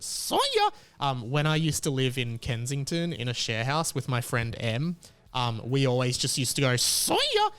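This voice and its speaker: In a clear, resonant mid-range voice, this male podcast host talks casually and wanders off track, using lots of fillers and often stopping to restart his thoughts.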